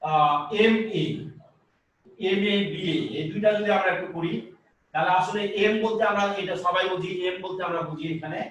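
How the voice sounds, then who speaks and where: A man teaching a grammar lesson at a board, halting with many filler sounds and restarts, asking rhetorical questions. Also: high voice, a bit bright. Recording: echoey room, voice from some distance.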